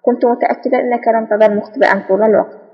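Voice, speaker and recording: A woman reading the lines of a scheming male spy chief villain in an audiobook, calm and mocking. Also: fairly high pitch, rapid-fire, slightly rough, long reverb tail, dull audio. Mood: gloating.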